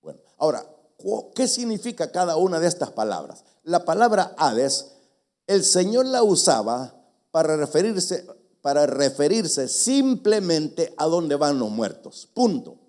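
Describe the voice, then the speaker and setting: A man's voice: fairly high pitch, big pitch swings, a little slow, darkish tone. Older man preaching a teaching sermon. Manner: teaching, spells out words letter by letter, jokes with congregation. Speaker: pastor. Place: church.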